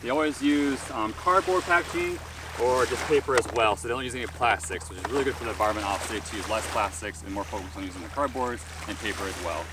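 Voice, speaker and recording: A man casually unboxing gear for a vlog, relaxed and upbeat, recorded on a camera mic at a distance. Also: medium pitch, fast talker. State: briefly out of breath after pumping. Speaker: paddleboard vlogger. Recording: distant mic with background noise.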